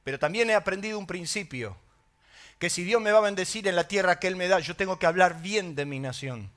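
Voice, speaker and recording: A middle-aged Argentine man preaching a sermon as pastor, telling stories in an animated way with emphatic exclamations. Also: sits high, fairly quick. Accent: Argentine Spanish.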